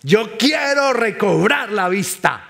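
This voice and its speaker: A man preaching in Spanish voices a blind male beggar who pleads and shouts for mercy. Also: sits high, lively intonation, slow, creaky, pitched above the performer's own voice, heavily acted. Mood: earnest.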